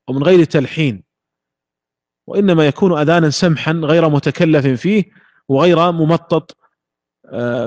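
A man teaches a religious lesson, calm and methodical, pausing to demonstrate recited phrases. His voice sits a little high for a man. The recording is dry and slightly dull. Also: no room sound. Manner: measured, explanatory, demonstrates recitation examples. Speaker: Islamic jurisprudence teacher.

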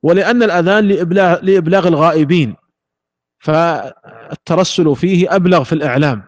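A man giving a religious jurisprudence lesson in a measured, explanatory way, sometimes demonstrating recitation. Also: on the high side, no room sound, lo-fi sound. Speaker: Islamic jurisprudence teacher.

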